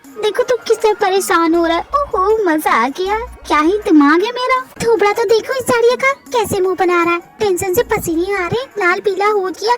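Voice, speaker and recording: Fan-dub casting: mischievous young wife, a woman voicing her, very high voice, loud music behind. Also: brisk. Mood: gleeful, scheming. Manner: playful, mischievous and teasing. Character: scheming, cheeky young wife playing the villain. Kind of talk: amateur Hindi fan dub acting. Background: loud background music.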